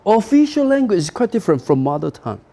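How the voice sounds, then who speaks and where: High-pitched, sing-song and quick, this gravelly yet mellow voice belongs to a middle-aged Taiwanese man, a native speaker of Taiwanese with a matching accent. Lecturing a university class in English, he leans on emphatic stresses and frequently drops "you know" and "okay."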